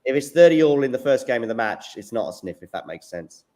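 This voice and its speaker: A man's voice: mid-range voice, animated, quick pace, a little mellow. A man hosting a live tennis watchalong, giving casual running commentary and chatting with his co-hosts. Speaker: watchalong host.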